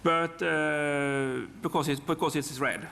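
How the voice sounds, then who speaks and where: A man with a Norwegian accent, a native Norwegian speaker giving a technical software demonstration, haltingly, often repeating words and restarting. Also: on the high side, fairly even intonation, gravelly. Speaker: software presenter. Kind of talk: live technical demonstration talk. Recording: long hall reverb.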